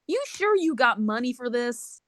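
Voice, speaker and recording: A woman voicing a gruff male saloon bartender who speaks in a slow, suspicious drawl. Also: a little high, very animated, a bit bright, no echo, clean studio sound.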